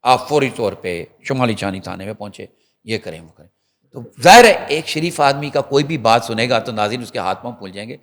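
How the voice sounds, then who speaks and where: A male reporter on a TV talk show, telling stories in an animated way and addressing viewers directly. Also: mid-range voice.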